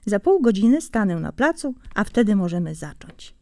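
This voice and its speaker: A woman's voice: mid-range voice, big pitch swings, normal speed, dark tone, no room sound. A woman reading a storybook, voicing a clever, stubborn male hedgehog who is cunning and bossy. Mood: sly. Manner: cunning, bossy to his wife.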